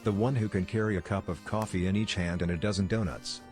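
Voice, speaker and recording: A man with a deep voice tells short jokes as a comedian. His delivery is measured and deadpan, moving from setup to punchline. Music plays behind him.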